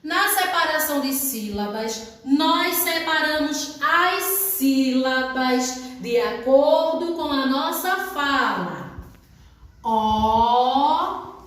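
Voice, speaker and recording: A woman teaching a primary school class in a recorded lesson, with a Brazilian Portuguese accent, speaking slowly and stretching each syllable for young pupils. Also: high voice, a bit bright. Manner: slow, careful, drawn-out syllables for young pupils. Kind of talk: recorded remote lesson for children. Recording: very echoey room.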